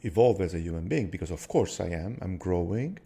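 A non-native English-speaking man in reflective casual conversation, pausing to search for words as if translating in his head. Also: deep voice, animated, vocal fry, dark tone, breathy edge. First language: not English.

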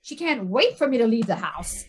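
Middle-aged woman, interview guest coach, fairly high voice, animated and repetitive, tags lines with "right?". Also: normal speed, husky. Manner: animated, repeats words, frequent "right?" tags. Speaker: stress and anxiety coach, guest. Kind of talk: casual interview conversation.

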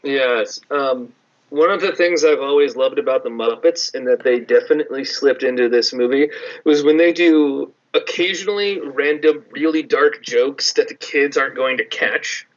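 A man's voice: mid-range voice, normal speed. A man co-hosting a podcast in casual chat, wandering into tangents. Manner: rambling, tangent-prone. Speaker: podcast co-host. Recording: dull lo-fi sound.

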